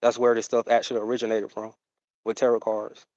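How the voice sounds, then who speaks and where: A man's voice: on the low side, level tone, darkish tone, dry recording, lo-fi sound. A man, chatting casually on his livestream in a rambling way, full of fillers. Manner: rambling, drawn-out, full of fillers and "you know what I'm saying". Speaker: livestream host.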